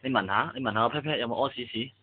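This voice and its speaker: A man's voice: mid-range voice, very fast, husky, phone-quality sound. A man, filming at home and playfully coaxing a small child. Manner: coaxing, playful talk to a toddler. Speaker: family member filming at home. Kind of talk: casual home video chat. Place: family home indoors.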